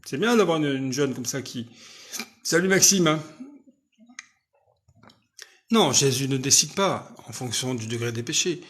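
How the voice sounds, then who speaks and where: Loud, insistent French-speaking preacher. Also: male voice, mid-range voice, lively intonation, measured pace, pauses often. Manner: loud, insistent speech with frequent rhetorical checks. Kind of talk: live-stream preaching, answering viewers' questions.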